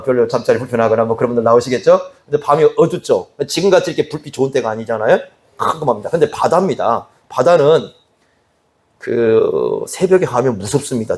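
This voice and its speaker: A man's voice: medium pitch, a little mellow. A male pastor preaching an expository sermon in a conversational way, often asking the congregation questions. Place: church sanctuary.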